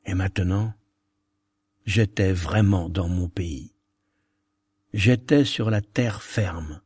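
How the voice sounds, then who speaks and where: Slow, dark-voiced man reading solemnly. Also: deep voice, slightly rough, no room sound. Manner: solemn, measured recitation. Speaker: narrator. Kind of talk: dramatic reading of a narrative poem.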